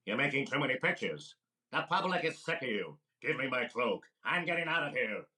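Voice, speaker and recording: In deadpan 1940s radio comedy fashion, a man of medium pitch plays a brash comedian who fires off wisecracks at a fast clip.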